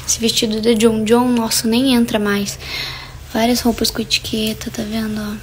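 A woman's voice: a little high, little pitch movement, moderate pace, echoey room, background noise. A young adult woman vlogging casually at home, chatty and playful, with rambling asides. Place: room at home.

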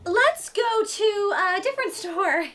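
A woman's voice: very high-pitched, animated, takes it slowly, pushed and bright, faint music behind, full character voice. A woman playing a bubbly, clumsy young princess stuck in her sister's body, hesitant and slipping up in a live-action play-acting skit. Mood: eager.

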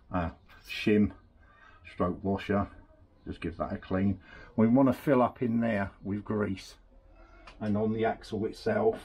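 A fairly low-pitched, slightly rough male voice belongs to a scooter mechanic demonstrating a rebuild at a workbench indoors. He keeps up easygoing chatter while working with his hands, and he stays off to the side of the camera that sits on the bench.

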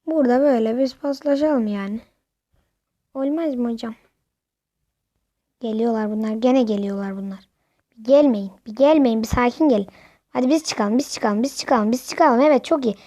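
A woman giving casual live commentary while playing a football video game, excitably shouting at the players and the referee. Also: fairly high pitch, normal speed, pauses often, no echo, studio quality. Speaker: gamer.

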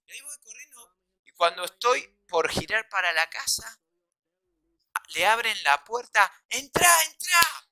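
Hombre rioplatense contando anécdotas con mucha energía. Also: male voice, sits high, lively intonation, measured pace, no echo, low-quality recording. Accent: Rioplatense Spanish. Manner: acts out quoted voices, shouts and sound effects. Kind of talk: animated comedic storytelling.

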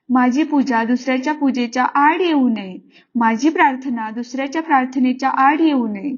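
A woman voicing a village mother who admonishes her son calmly and firmly. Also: high voice, close to an everyday voice. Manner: calm, firm admonishing. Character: village mother, stern yet calm and wise. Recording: slightly muffled lo-fi.

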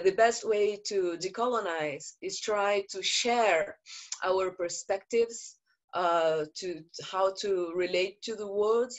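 Joining a panel by video call from an indoor room, a Brazilian woman activist speaks in a medium-pitched voice. Portuguese is her native language, and she talks slowly and earnestly, measured and full of pauses and fillers.

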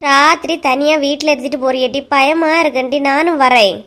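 A woman's voice: sits high, steady tone, fairly quick, fairly bright tone, pitched below the performer's own voice. Woman putting on an older Kanyakumari mother. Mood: fond. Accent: Kanyakumari Tamil.

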